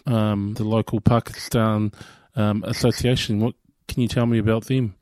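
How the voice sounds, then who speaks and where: A man's voice: fairly low pitch, flat delivery, moderate pace, a little mellow, dry recording. A man hosting a community radio interview in a studio, friendly, with frequent short backchannel replies. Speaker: radio host.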